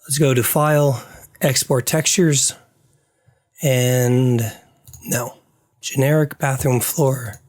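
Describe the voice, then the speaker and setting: A man's voice: mid-range voice, fairly even intonation, slow pace, long pauses, darkish tone. A man thinking aloud as he works through a game-building session on screen, muttering to himself and trailing off, his voice starting to give out. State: losing his voice. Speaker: game developer.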